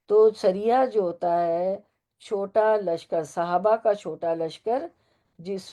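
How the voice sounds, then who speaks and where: A woman's voice: mid-range voice, warm tone. Urdu-speaking woman teaching a Quran lesson. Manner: explains Arabic words slowly, asks listeners questions.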